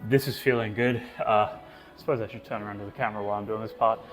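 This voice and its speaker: A fitness vlogger narrates his gym workout in a casual, sweary chat, catching his breath between sets in an indoor gym. His voice is on the low side, steady in tone and quick in pace, with soft music playing behind him.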